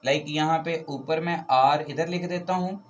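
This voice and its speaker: A man's voice: a little high, normal speed, slight background noise. A man teaching a chemistry lesson, explaining step by step and often checking in with the students. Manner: explains step by step with frequent "theek hai" checks. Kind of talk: classroom lecture.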